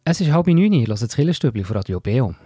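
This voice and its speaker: A man's voice: mid-range voice, big pitch swings, fast talker, over music. A man with a Swiss German accent hosting a church radio program, announcing a contest. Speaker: radio host. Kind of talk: radio presenting.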